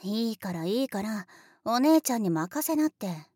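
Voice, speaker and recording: A brash, tomboyish big sister who talks down to you with blunt, boyish bossiness and teasing laughs, as a young woman acts her out. The voice sits at an ordinary middle pitch and is recorded very dry and close, with no room sound. Some lines drop into a hushed whisper. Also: big pitch swings, moderate pace, slightly rough, dry recording. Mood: teasing, bossy. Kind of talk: adult audio role-play drama, partly whispered.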